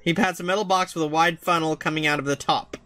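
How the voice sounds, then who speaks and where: A man's voice: a little high, steady tone, fast, pushed and bright, no echo, soft background music. A man hosting a gaming show, chatting casually and reading game text aloud.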